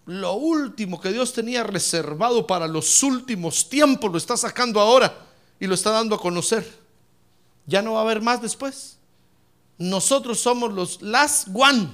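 A male preacher delivering a fervent sermon, bursting into shouted praise and mixing in humorous asides. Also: sits high, animated, normal speed.

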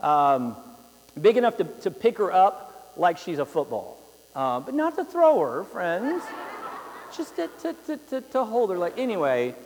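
High-voiced pastor in an echoey hall. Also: male voice, very animated, a little slow, darkish tone. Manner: rambling anecdotes with fillers and repeated words. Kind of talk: sermon. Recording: long hall reverb.

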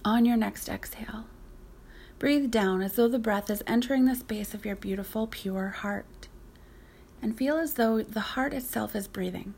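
Her voice a little high, husky and touched with vocal fry, a woman leads a guided yoga nidra practice. She speaks softly and breathily, often close to whispering, in an unhurried, soothing and gently instructive way.

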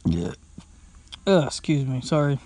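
A young man with a mid-range, slightly mellow voice sounds very animated while keeping a measured pace. He's hosting his casual home podcast from indoors, rambling with many fillers, restarts and "blah, blah, blah."

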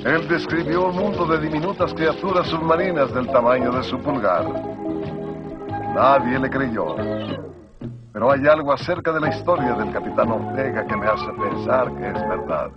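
A man narrating a cartoon intro in measured storytelling. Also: mid-range voice, natural voice. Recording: dull lo-fi cartoon clip with loud music.

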